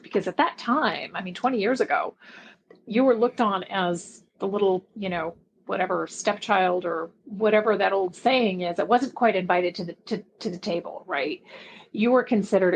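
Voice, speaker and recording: A middle-aged woman who grew up in Belgium, a podcast guest talking casually, laughing easily and letting her phrases trail off softly. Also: mid-range voice, breathy edge. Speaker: podcast guest, book marketing expert. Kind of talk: casual interview chat.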